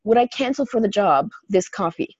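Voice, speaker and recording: A woman co-hosting a podcast in casual chat, animated and laughing often. She is sick, and she clears her throat and coughs now and then. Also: medium pitch, moderate pace, no room sound, highs cut off. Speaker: podcast co-host.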